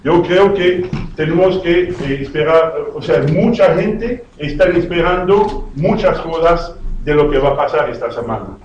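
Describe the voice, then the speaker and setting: A man with a higher voice gives a formal speech as a UN representative, stumbling through fillers and restarts. He is far from the mic in a reverberant hall, with a faint noise underneath. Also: animated, measured pace, few pauses, darkish tone, highs cut off. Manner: hesitant, with many fillers and restarts. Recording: echoey hall, distant mic.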